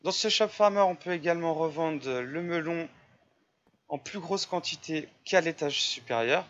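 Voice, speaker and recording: A man's voice: on the high side, moderate pace, fairly bright tone, dull audio, a little hiss or hum. A man giving casual, step-by-step commentary over his own gameplay, chatty and full of fillers. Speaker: Minecraft server YouTuber.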